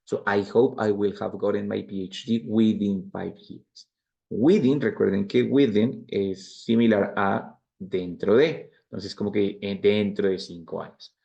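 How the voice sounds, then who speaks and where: A man's voice: fairly low pitch, steady tone, moderate pace, gravelly, warm tone, muffled recording. A man in his forties with a Spanish accent, teaching an English grammar lesson and explaining each structure patiently, step by step, with repeated examples. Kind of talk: bilingual grammar lecture.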